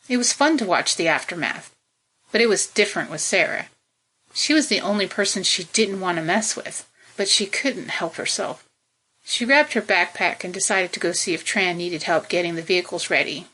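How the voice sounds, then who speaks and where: A woman narrating a science fiction novel as an audiobook, in a steady, measured storytelling manner. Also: fairly low pitch, poor audio.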